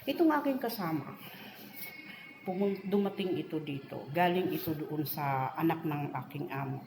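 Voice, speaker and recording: A woman's voice: sits low, expressive, normal speed, reverberant, over music. A middle-aged woman working as a domestic helper, telling an aggrieved story about a coworker in a venting monologue.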